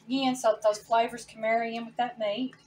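A woman's voice: fairly high pitch, level tone, a little fast, darkish tone, far from the mic, a little hiss or hum. A woman, hosting a casual home cooking demonstration in her kitchen and chatting folksily to viewers. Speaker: home cooking channel host.

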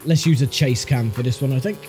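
Warm and brisk, this medium-pitched male voice is thick with sinus congestion. The gaming YouTuber gives casual, dryly wry play-by-play of a racing game while game music runs behind him.

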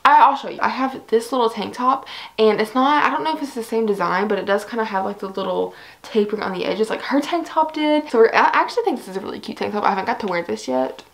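A woman's voice: fairly high pitch, quick pace, vocal fry. A young woman chatting casually to camera in a fashion try-on vlog, bubbly and giggly, full of fillers, a little out of breath. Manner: bubbly, giggly, lots of fillers like "like" and "I don't know". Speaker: fashion vlogger.

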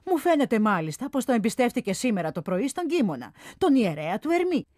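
Brief: woman reading confident storybook statesman, lively and amused, dry recording. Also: fairly high pitch, dry recording. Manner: sure of himself, amused.

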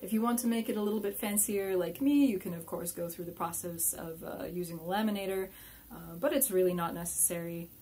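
A young adult woman playing a solo board game and then reviewing it. She mutters quietly while she plays and turns chatty and upbeat when she reviews. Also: lowish voice, a little fast, slightly rough.

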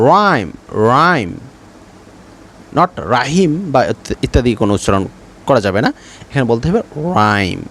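A man teaching English pronunciation in a spoken lesson, hesitant with fillers, repeating example words slowly. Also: mid-range voice, a little hiss or hum.

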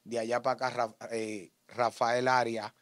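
A man's voice: mid-range voice, a little slow, no echo. Dominican man telling a street story. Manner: animated, acts out shouts and gunshots. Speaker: interview guest giving testimony.

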